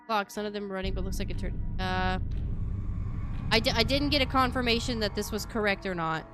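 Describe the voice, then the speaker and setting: A woman's voice: medium pitch, a little fast. A woman streaming a game in casual chat, playful and rambling, humming and scatting to herself, with a voice she calls witchy. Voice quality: self-described witchy voice. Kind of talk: casual live-stream chat while playing. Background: background music.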